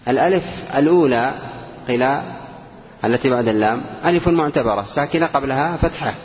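A man teaches a grammar lesson in a classroom, saying each word slowly and repeating it before he questions his students. The recording is dull and lo-fi, with a long reverb from the room and faint noise behind him. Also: mid-range voice, animated.

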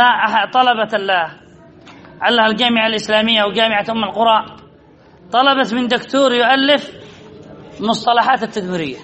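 A man teaching a class, asking quick questions and answering them himself while repeating key points. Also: very high-pitched, bright, forceful tone. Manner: quizzes listeners and answers his own questions. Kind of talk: classroom lesson.

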